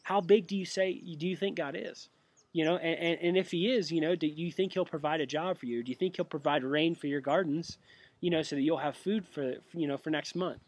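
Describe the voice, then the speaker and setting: A young man who has been sick, giving an earnest, halting spoken update with many restarts. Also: on the high side, no echo. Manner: earnest and prayerful. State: sick with a cough. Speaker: missionary giving a monthly update.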